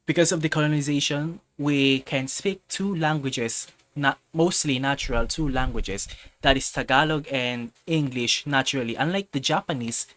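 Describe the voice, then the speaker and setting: A Filipino man with a mid-range, slightly bright voice hosts a casual livestream at a moderate pace, answering viewers. He rambles, often restarting and correcting himself before circling back to his point.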